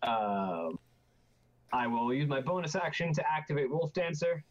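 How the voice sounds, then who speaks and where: A man's voice: a little high, expressive, measured pace, highs cut off. A man chatting casually as a player at a tabletop game, declaring his moves.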